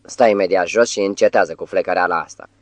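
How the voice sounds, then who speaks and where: Brief: audiobook, man as a lordly devil, deep and gravelly, commanding, dry close sound. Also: no echo, natural voice. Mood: mock scolding. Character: imposing, mocking old devilish master.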